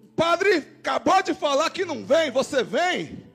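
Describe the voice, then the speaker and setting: High-voiced Brazilian pastor preaching. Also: male voice, normal speed, gravelly, faint music behind. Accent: Brazilian Portuguese. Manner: animated preacher voicing quoted dialogue. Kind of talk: sermon with storytelling. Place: church service.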